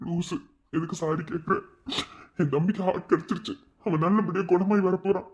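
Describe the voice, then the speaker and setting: A husky, soft voice of a worried young husband, as a performer acts him out in a cartoon. He comforts gently in a Madurai Tamil accent, on dull lo-fi audio. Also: medium pitch, fairly even intonation, brisk, natural voice. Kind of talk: cartoon voice acting.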